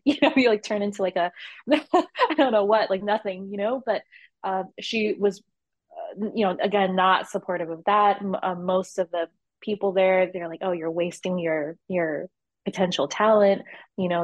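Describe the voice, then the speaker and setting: A young woman musician in an interview, chatting loosely and animatedly and laughing easily between thoughts. Her voice sits at an ordinary middle pitch, close and dry with no room around it. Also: no echo. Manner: rambling, animated, laughs often, many fillers. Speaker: interview guest, cellist. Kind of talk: casual interview conversation.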